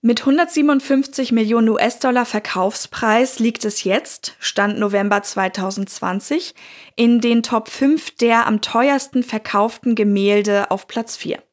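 Woman on a crime podcast, bit higher voice, reads her script, tosses in little asides. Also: fairly even intonation, measured pace. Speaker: podcast co-host.

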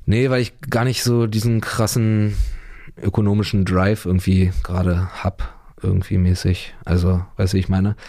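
A man's voice: low-pitched, little pitch movement, normal speed, dark tone, no echo, studio quality. A man, chatting casually in a rambling, slangy way full of fillers. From Berlin, Germany. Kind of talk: casual chat.

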